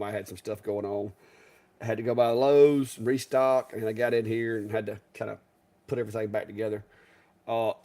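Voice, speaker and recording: A man's voice: mid-range voice, darkish tone. Folksy man chatting. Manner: rambling, folksy, restarts and chuckles. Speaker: co-host. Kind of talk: casual live-stream chat.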